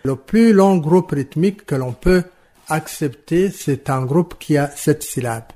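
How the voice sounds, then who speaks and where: Slow, measured French language expert. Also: male voice, fairly high pitch, warm tone. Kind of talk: explanatory interview answer.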